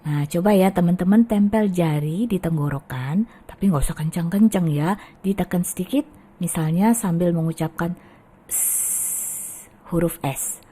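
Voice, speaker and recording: A woman with an Indonesian accent teaching English pronunciation as the host of her channel, patiently modelling words slowly. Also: fairly low pitch, mellow, slightly rough. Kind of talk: pronunciation lesson.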